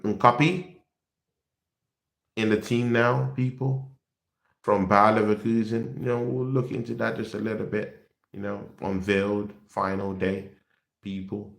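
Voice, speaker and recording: A young man from Nigeria hosting a football channel in casual live-stream chat, animated and repetitive, calling his viewers "people". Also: on the low side, echoey room.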